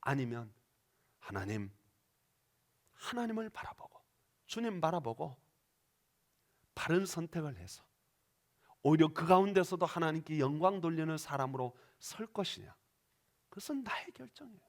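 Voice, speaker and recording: A man's voice: fairly high pitch, big pitch swings, normal speed, pauses often. A male pastor preaching a sermon in a church, dramatic and questioning the congregation as he acts out quoted voices. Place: church sanctuary.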